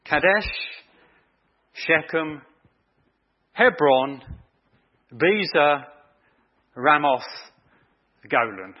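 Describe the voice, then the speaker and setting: Male preacher, conversational sermon, husky tone, muffled lo-fi church recording. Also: fairly high pitch, lively intonation, very slow, pauses often. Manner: chatty, quizzes the congregation. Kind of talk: evening sermon.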